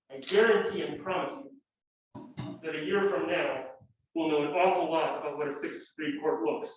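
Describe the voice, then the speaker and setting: Man, panel speaker, rambling, many restarts, higher voice, very echoey distant room audio. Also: muffled recording, a little hiss or hum. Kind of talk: panel talk. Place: lecture room.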